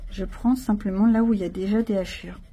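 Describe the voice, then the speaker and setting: A woman's voice: medium pitch, steady tone, a little fast, dark tone, breathy edge. A woman chatting casually to her viewers, thinking aloud as she colors a picture with pencils. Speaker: coloring channel host. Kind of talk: casual narrated coloring session.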